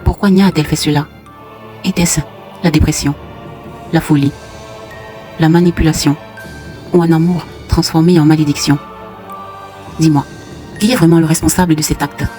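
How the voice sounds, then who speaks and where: A solemn storyteller telling a dark folk tale and turning to the listeners directly. The voice sits at an ordinary middle pitch. Faint music runs throughout. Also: steady tone, normal speed, long pauses. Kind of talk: dramatic folk-tale narration.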